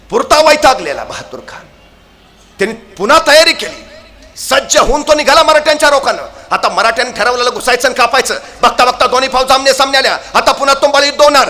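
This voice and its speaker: A woman telling a historical battle story with lively drama, building to shouted battle cries with playful asides. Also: high voice.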